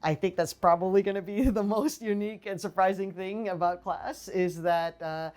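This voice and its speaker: A Filipino political science professor in her forties answers interview questions from a small indoor office with bookshelves, speaking into a lapel mic. Her medium-pitched voice is a little mellow and fairly even in intonation, at normal speed. She's thoughtful but full of fillers and restarts, with faint music in the background.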